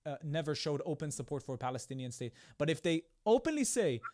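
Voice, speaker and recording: A man's voice: on the high side, sing-song, fast, a little mellow. A young man from Israel with an American-tinged accent, arguing insistently in a heated debate as the host, repeating himself to press his points.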